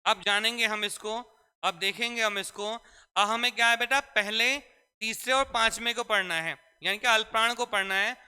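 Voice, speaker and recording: High bright male teacher in echoey hall. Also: fairly even intonation, moderate pace, clean tone. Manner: repetitive call-and-response questioning. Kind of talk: classroom grammar lesson.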